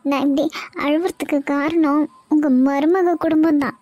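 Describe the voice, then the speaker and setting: A woman voicing a spoiled young woman in an animated cartoon who keeps complaining in a whiny, self-pitying way. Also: high-pitched, moderate pace, natural voice.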